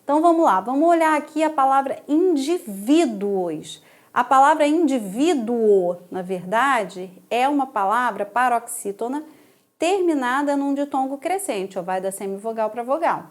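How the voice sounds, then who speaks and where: A woman's voice: sits high, lively intonation, moderate pace. A Brazilian woman teaching an exam-prep grammar lesson, explaining step by step and checking in with frequent tag questions. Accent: Brazilian Portuguese.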